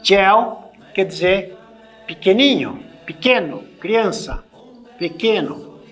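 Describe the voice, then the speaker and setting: Man, Brazilian Portuguese accent, language teacher, very slow, spells out letters, faint background music. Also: high-pitched, lively intonation, fairly bright tone. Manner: spells out letters and sounds, many tag questions. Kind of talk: slow spoken language lesson.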